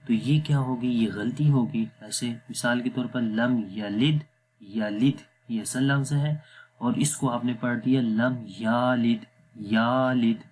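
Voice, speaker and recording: A man teaching Quran recitation rules in a patient lesson, often checking whether the listener follows and slowing down to sound out Arabic words. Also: mid-range voice, a little hiss or hum. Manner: patient, repeats "theek hai?" to check understanding. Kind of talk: explanatory lesson.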